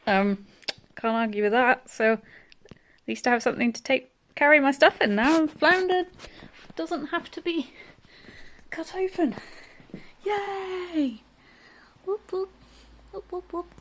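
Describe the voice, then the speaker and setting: A young woman chatting casually in a vlog, bubbly and excitable, with lots of "um" and "like". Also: high-pitched, unhurried, long pauses. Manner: bubbly and excitable, many "um" and "like" fillers. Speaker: cosplay vlogger.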